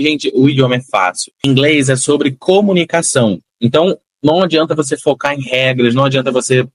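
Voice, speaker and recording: A Brazilian man giving an English lesson at a mid pitch, repeating words and phrases slowly and carefully to model their sound. He breaks in with upbeat encouragement for his students. The recording is dry and close, with almost no room sound. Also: fairly bright tone, no echo. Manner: encouraging, motivational asides to students. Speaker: English teacher.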